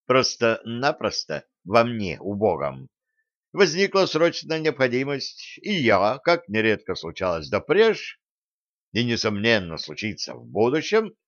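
A loud, jovial staff captain of the old army, played by a man reading an audiobook, bantering in a lifted, higher voice full of courtly turns of phrase. He sounds brash and pleased with himself. The recording is dry and a little dull. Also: huge pitch swings, measured pace, no echo. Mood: boisterous. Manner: boisterous, bantering, old-fashioned courtly speech.

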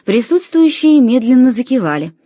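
A woman narrates a story in an even, measured way. Her voice sounds mellow and warm. The recording is dry and close to the mic. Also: sits high, no room sound. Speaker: audiobook narrator. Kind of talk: scripted narration.

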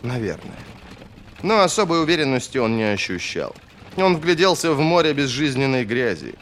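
A man narrating a fantasy novel as an audiobook in a steady, expressive reading. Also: medium pitch, a little hiss or hum.

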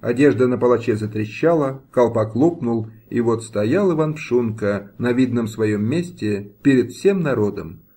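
A man reading a historical novel aloud as an audiobook narrator, in a steady, dramatic manner. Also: medium pitch, a little slow, hardly any pauses.

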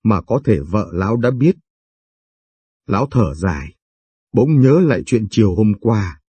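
Dark, husky male storyteller. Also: lowish voice, big pitch swings, measured pace, no echo, lo-fi sound. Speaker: narrator. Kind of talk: storybook narration.

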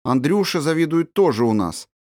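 A man's voice: fairly high pitch, very animated, normal speed, a little mellow, no room sound, clean studio sound, voice pushed up. A man reading an audiobook, voicing an honest, earnest little orphan girl with a serious tone. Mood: wondering. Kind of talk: audiobook character voice.

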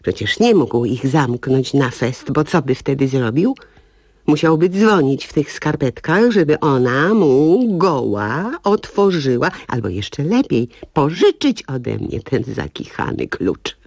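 Aktorka grająca porzuconą kobietę, która z ironią i gorzkim śmiechem opowiada o swoim upokorzeniu. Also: female voice, a bass voice, big pitch swings, takes it slowly, a little mellow, dry recording, exaggerated voice. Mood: rueful. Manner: wry, rueful, bursts of bitter laughter. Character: jilted woman laughing through her misery. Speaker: cabaret actress. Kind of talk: comic radio monologue.

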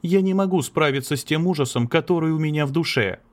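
A man voicing a cold, tormented young woman, curt and sharp, in an audiobook. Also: on the high side, fast talker, voice pushed up, close to an everyday voice. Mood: cold, bitter. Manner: sharp, curt, breaking into sobs. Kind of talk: audiobook character reading.

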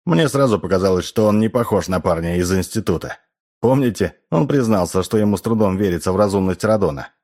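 A man's voice: low voice, animated, fast talker, a little mellow. A man reading an audiobook, voicing a shrewd, sardonic older male doctor.

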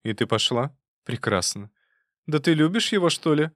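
A man reading an audiobook, voicing a fierce old woman who scolds her niece in a loud, folksy way. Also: a little high, expressive, moderate pace, no echo, clean studio sound, voice pushed up. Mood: scolding.

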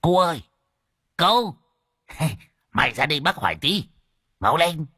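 A man doing a crude, gruff old rascal. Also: deep voice, wildly swooping pitch, normal speed, fairly bright tone, no echo, studio quality, pitched below the performer's own voice, full character voice. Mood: hollering. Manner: coarse, blunt talk.

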